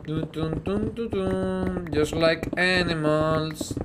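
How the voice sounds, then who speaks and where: Over loud music, a man in his thirties with a Spanish accent from Spain chats and jokes with his stream's viewers, humming sound effects during play. He speaks very slowly in a slightly high voice with fairly even intonation. He's wearing a headset in a small room.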